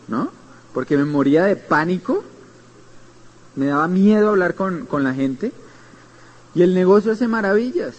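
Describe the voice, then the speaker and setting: A man's voice: on the high side, low-quality recording. A man with a Colombian accent giving a motivational seminar talk, telling his story earnestly and speaking straight to his listeners. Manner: earnest storytelling, addresses listeners directly with tag questions.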